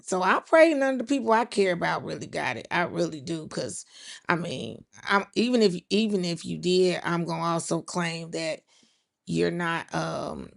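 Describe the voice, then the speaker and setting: A woman's voice: lowish voice, animated, normal speed, gravelly. A woman host, chatting casually on a livestream and talking straight to her viewers in the chat. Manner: chatty, talks straight to the chat, says y'all.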